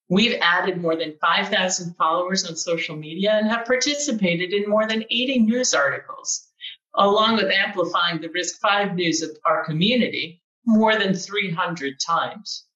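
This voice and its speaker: A woman in her forties giving a scripted keynote from her living room, upbeat and measured. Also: on the low side, sharp tone. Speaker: chief executive giving a keynote. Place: sunlit living room at home, indoors. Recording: roomy, distant, dull lo-fi sound.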